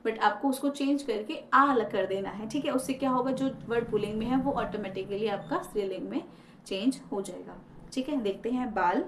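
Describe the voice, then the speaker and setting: A woman's voice: on the high side, reverberant, far from the mic. A young woman teaching a grammar lesson, often mixing English into her speech and checking in with her students after each point. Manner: mixes English into Hindi, frequent "ठीक है" check-ins. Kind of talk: classroom lesson.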